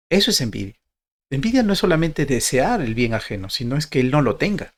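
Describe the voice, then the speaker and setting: A man giving a motivational talk to exam applicants, conversational, often tagging his points with questions. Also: medium pitch. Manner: conversational, many tag questions and rhetorical questions. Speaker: motivational speaker for university applicants.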